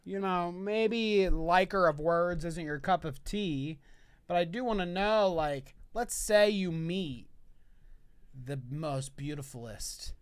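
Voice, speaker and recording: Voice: medium pitch, slow, clean tone, no room sound. A podcast co-host in casual chat, playful and teasing, laughing often.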